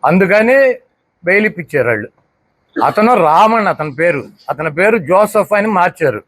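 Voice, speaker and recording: Man firing rhetorical questions, high-pitched. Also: very animated, normal speed, a bit bright, dry recording. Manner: rhetorical, fires repeated questions. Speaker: politician speaking to the press. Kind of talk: combative press statement.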